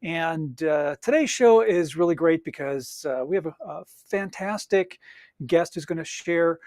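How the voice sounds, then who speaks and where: Guy hosting a podcast, fairly high voice, stops and restarts a lot, dry close sound. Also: darkish tone, no echo. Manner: halting, many "uh" fillers and restarts. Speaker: podcast host. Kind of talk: casual interview hosting.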